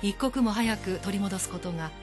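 Woman, radio announcer; formal and measured, music bed behind. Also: medium pitch.

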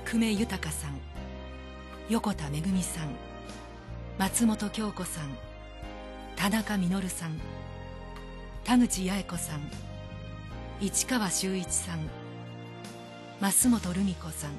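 A woman radio announcer giving a formal, measured broadcast announcement. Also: mid-range voice. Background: music bed.

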